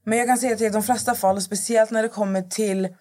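Speaking as a guest influencer on a podcast, this Middle Eastern woman has a mid-range voice with a steady, dark tone. She chats loosely, wandering and starting her sentences over while reaching for words.

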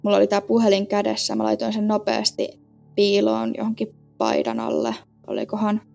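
A woman earnestly retelling a personal experience in casual speech, halting with fillers and often sinking low and soft at the ends of phrases. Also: gravelly. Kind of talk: personal story told in casual spoken Finnish.

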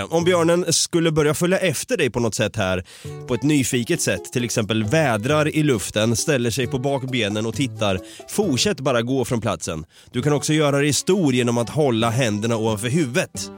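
A man hosting a casual podcast who talks animatedly, swears a lot and laughs often. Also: mid-range voice. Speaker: podcast host.

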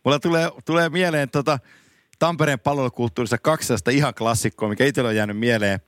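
A man hosting a casual podcast, telling anecdotes in a lively way and laughing easily. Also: medium pitch, no room sound, clean studio sound. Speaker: podcast host. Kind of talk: casual chat.

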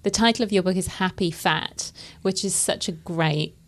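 A woman's voice: fairly low pitch, moderate pace. A woman hosting an interview, asking questions and giving short encouraging replies. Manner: encouraging, brief affirmations. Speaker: interview host.

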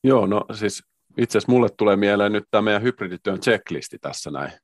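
Male podcast co-host, very low voice, measured and hedging, dry recording. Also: expressive, no echo. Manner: measured, hedging, many restarts. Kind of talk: casual discussion on work culture.

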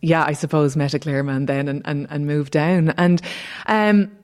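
A woman's voice: low voice, steady tone, moderate pace, a little mellow. A woman with a Dublin Irish accent, chatting casually as an interview guest. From Ireland, Dublin. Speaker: panel guest, entrepreneur.

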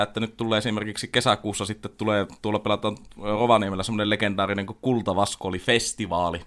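Low-voiced man, hesitant and steady. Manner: hesitant, many fillers, steady. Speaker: guest, sports announcer. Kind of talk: casual chat.

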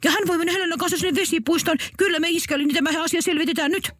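A woman's voice: very high-pitched, steady tone. A woman voicing a doting, indulgent mother in a comic radio story, sugary and fussy.

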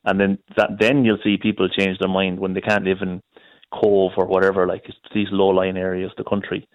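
Low-voiced man with a west of Ireland accent. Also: monotone, fairly quick, no room sound. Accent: west of Ireland, Galway. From Galway, west of Ireland. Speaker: radio phone-in caller. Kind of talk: informal opinionated talk. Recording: dull, dry lo-fi call audio.

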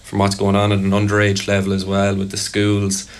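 Young male Irish athlete, soft neutral accent, deep monotone, hesitant and measured in interview. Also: clean tone. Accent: soft, fairly neutral Irish. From Kerry, Ireland. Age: young adult. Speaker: Gaelic football player being interviewed. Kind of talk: casual interview answers.

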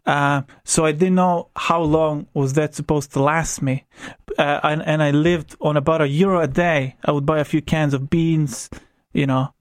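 A young Croatian-accented man speaks in a fairly high voice, recorded dry and close in a radio studio. He tells his story candidly but hesitantly, full of restarts and small fillers. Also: steady tone, moderate pace, few pauses, no echo. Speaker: interview guest. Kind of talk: radio interview.

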